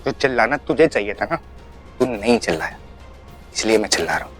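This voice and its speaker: An actor playing a loving but deeply hurt elder brother who scolds his sibling, pleading one moment and shouting the next. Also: expressive, a little fast, soft background music. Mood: wounded scolding.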